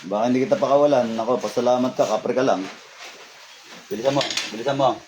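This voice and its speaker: A man's voice: medium pitch, fast talker, noisy background. Commanding faith healer, man. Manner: commanding, drives short orders with a repeated questioning tag. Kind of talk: healing ritual, addressing a spirit.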